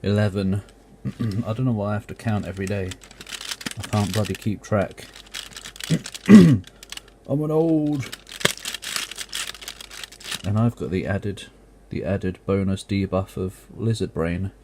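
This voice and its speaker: A man's voice: sits low, fairly even intonation, moderate pace, background noise. A man giving casual, rambling commentary as a video host, grumbling and poking fun at himself with mild swearing. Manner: self-mocking, grumbling, mildly sweary.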